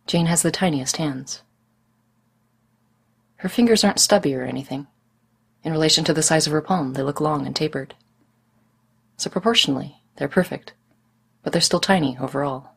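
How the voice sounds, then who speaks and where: Woman narrating a story, low pitch, husky, gravelly fry, steady and unhurried. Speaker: fan fiction reader. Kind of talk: audiobook story reading.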